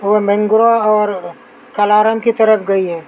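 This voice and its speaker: A woman reading an audiobook novel, voicing a sharp-tongued older grandmother who taunts and scolds. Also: mid-range voice, little pitch movement, slight background noise, natural voice, rough recording. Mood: scolding.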